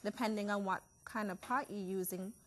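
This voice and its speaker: A woman from Jamaica, a cooking guest giving calm, brief recipe explanations. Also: medium pitch, a little fast. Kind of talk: recipe demonstration.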